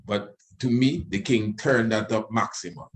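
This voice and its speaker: A man moderating a casual reasoning in Rasta speech, halting and repeating his words. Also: fairly low pitch. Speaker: discussion moderator.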